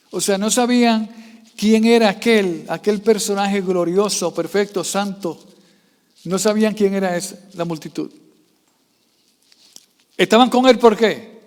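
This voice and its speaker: Very high-voiced guy preaching in church, keeps firing questions at the crowd, big echoey hall. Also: unhurried, pauses often. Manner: quizzes the congregation with constant questions; swings from soft low asides to loud raised passages. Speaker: pastor. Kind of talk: sermon.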